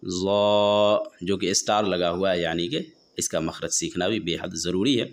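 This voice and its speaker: A man teaching a tajweed pronunciation lesson, explaining how each letter is formed and repeating the sounds slowly and drawn out. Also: deep voice. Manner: asks and answers his own questions. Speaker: Quran recitation teacher.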